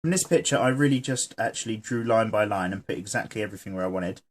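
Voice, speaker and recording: With a fairly low pitch and a quick pace, a man hosts his channel, sketching and joking as he reads viewers' comments aloud in a casual way.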